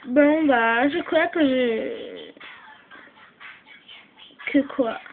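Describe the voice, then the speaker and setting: A woman's voice: high voice, lively intonation, very slow, phone-quality sound, slight background noise. A woman voicing all the characters in a homemade fan dub, switching voices and often sounding tearful. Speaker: fan voice actor doing all parts.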